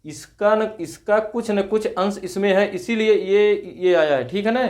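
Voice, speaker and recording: A man teaches Hindi grammar in a call-and-response classroom lesson, asking questions and following each point with a short "right?" to check understanding. His voice is high with a darkish tone, and he speaks a little slowly.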